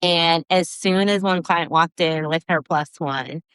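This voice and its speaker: A woman's voice: lowish voice, a little slow, smooth, no echo. A woman guest on a podcast, chatting casually and animatedly about working on events. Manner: animated storyteller, lively quoted voices. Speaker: event producer. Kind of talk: casual chat.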